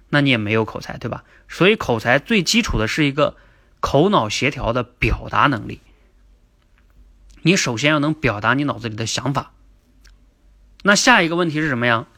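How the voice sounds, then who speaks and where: Guy coaching a speaking class on a livestream, bright voice, asks himself questions n answers them. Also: medium pitch. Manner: explanatory, asks and answers his own questions; repeats key definitions slowly. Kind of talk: livestream lecture.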